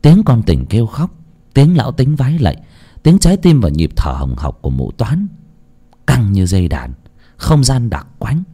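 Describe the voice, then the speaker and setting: A man's voice: normal speed, husky. A man narrating a horror story in a dramatic storytelling style. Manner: expressive, sweeping pitch.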